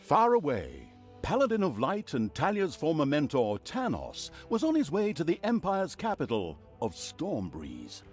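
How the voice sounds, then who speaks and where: A man's voice: a little high, wildly swooping pitch, unhurried, few pauses, darkish tone, faint music behind. A man voicing a sardonic game narrator who tells the story with mocking, theatrical asides. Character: sardonic male narrator who gloats over evil deeds.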